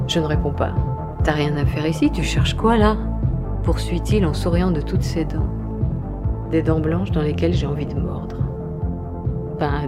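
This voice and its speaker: Audiobook narrator, first-person, intimate, measured, mid pitch, music underneath. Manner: intimate, measured, present-tense storytelling.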